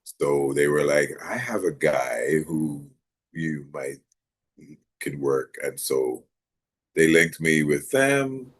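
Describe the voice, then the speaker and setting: A middle-aged man from Jamaica, raised in Maryland, chatting in an interview in a relaxed, rambling way with many fillers. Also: extremely low pitch, slow pace, husky. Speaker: actor guest. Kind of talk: casual interview chat.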